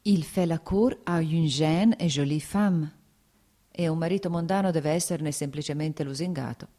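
An exasperated aristocratic mother from a classic novel audiobook, quick to scold and anxious underneath, voiced by a woman narrator. The voice is low and dark at its base, lifted only slightly for the part. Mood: worried confiding.

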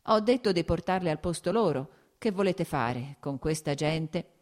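A woman's voice: low-pitched, expressive, normal speed, a little mellow. A woman reading an audiobook, voicing an evasive male estate steward who answers with placating excuses.

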